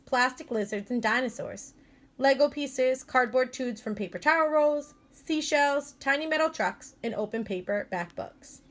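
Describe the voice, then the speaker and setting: Woman schoolteacher, read-aloud narration of a kids' novel, clear and even, a touch high. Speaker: elementary school teacher. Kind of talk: reading a children's book aloud.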